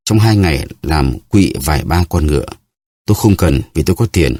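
A man's voice: very deep voice, lively intonation, normal speed, warm tone, dry recording, studio quality, heavily acted. A man reading an audiobook, voicing a hot-headed young male musketeer who speaks with urgency. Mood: urgent. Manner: impassioned, urgent.

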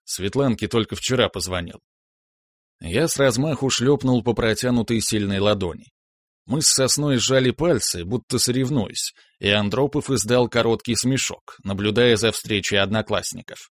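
A man reading a first-person novel aloud in an even storytelling manner. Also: medium pitch, moderate pace, no echo, clean studio sound. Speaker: audiobook narrator. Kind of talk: first-person audiobook narration.

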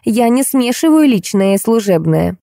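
A woman's voice: very animated, moderate pace, gravelly, warm tone, dry recording. A woman voicing a rude, irritable middle-aged woman artist who snaps and accuses, in a dry close recording. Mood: angry. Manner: snapping, shrill, accusing.

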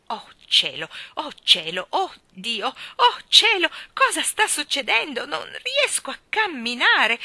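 A woman reading aloud and voicing a fussy elderly maid who cries out in shrill panic. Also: sharp tone, no room sound, heavily acted.

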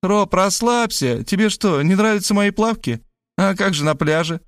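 A man reading aloud and voicing a brash, cheeky young woman who chatters in a high voice. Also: normal speed, no room sound, clean studio sound, close to an everyday voice.

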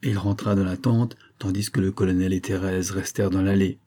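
A man reading a novel aloud as an audiobook, with steady, measured narration. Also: low-pitched. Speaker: audiobook reader.

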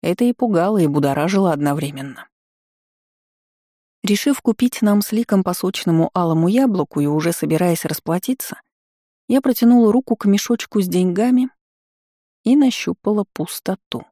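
An audiobook narrator telling a first-person fantasy tale with lively irony. The voice is mellow and dark, and the recording is dry and close with no room sound. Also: mid-range voice, normal speed, dry recording.

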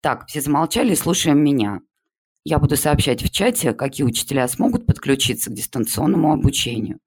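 A man's voice: medium pitch, brisk, slightly rough, natural voice. A man voicing a strict female schoolteacher who bosses a noisy online class. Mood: stern. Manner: stern, bossy, trying to keep order.

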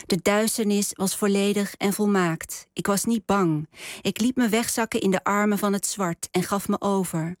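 A woman author being interviewed about her novel, reading passages aloud in a slow, measured voice. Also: mid-range voice, darkish tone, dry recording, clean studio sound.

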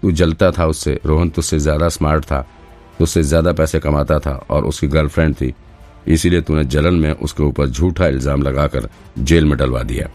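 A man voicing a grieving older mother who shouts accusations in an audiobook. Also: rumbling low, fairly even intonation, normal speed, faint music behind. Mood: accusing, furious.

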